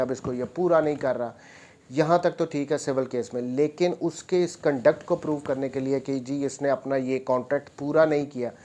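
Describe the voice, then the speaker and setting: A man with a Pakistani accent lectures on law in a didactic, explanatory style, weaving in English legal terms and repeating key points for emphasis. His voice is a little high, with a darkish tone.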